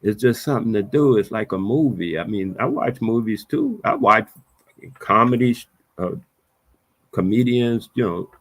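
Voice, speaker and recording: A man talking to camera in a reflective, preachy monologue, repeating his points with emphasis in casual vernacular speech. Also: lowish voice. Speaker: vlogger.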